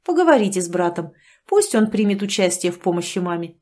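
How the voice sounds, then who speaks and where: A woman voicing a male hospital doctor who explains things in a calm, instructive, matter-of-fact way. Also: medium pitch, brisk.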